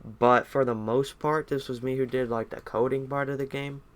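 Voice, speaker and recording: A man's voice: medium pitch, little pitch movement, moderate pace. A young man streaming a game, chatting casually in a rambling, self-deprecating way.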